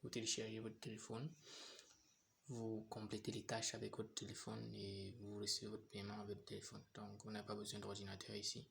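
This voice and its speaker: A young man explains an app setup one step at a time, pausing and repeating phrases as he goes. His voice sits low and gravelly, with a flat, even delivery. A faint noise hums under the recording. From Cameroon. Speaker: tutorial host. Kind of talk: screen-recorded phone app tutorial.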